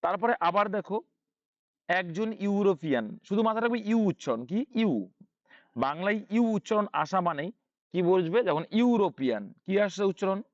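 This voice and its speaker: A man's voice: high-pitched, lively intonation, a little fast, no echo. Male tutor, raised voice, asks and answers himself, dry dull recording. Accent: Bangladeshi Bengali. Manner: asks and answers his own questions, repeats key points. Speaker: English teacher. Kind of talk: online English grammar lesson.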